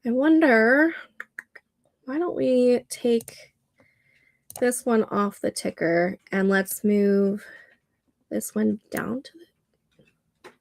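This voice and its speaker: A woman in her thirties hosts a casual livestream, chatting away, reading comments from chat aloud and laughing often. Her voice sits a little high, with a steady tone, a slow pace, creakiness and long pauses, and she sounds nasal and congested. The recording is dry.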